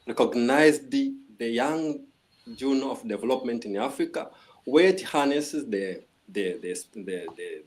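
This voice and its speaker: A man's voice: mid-range voice, a little mellow. A man from Tanzania speaking formally as a guest on a video call, with frequent restarts. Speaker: guest, organization vice president.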